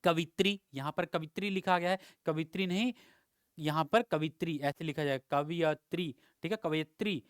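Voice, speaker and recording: Male tutor, slightly high, crisp voice, dry close voice-over, patient and repetitive lesson delivery. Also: fairly even intonation, brisk, few pauses, no echo. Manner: patient, repeats each word and checks with "theek hai". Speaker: exam prep teacher. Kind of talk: spelling lesson over slides.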